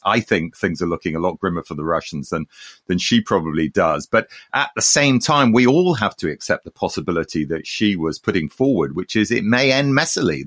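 A man's voice: sits low, fairly bright tone, dry recording, studio quality. A man co-hosting a podcast in a conversational, reflective way, offering his own views. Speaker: podcast host.

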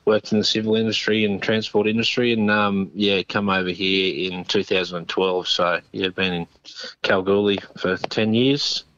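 Laconic Australian man, low drawl on phone. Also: steady tone, normal speed, fairly bright tone, dry recording. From northern New South Wales, Australia. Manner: laconic, understated outback drawl. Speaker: interview guest, machinery operator. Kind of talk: casual phone interview. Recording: dull phone line.

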